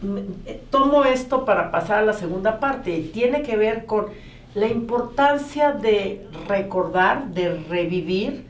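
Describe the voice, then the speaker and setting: A woman moderating a political panel discussion in a measured, steering way. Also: medium pitch, animated. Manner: measured, steering the talk, frequent backchannel. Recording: roomy echo, a bit far from the mic.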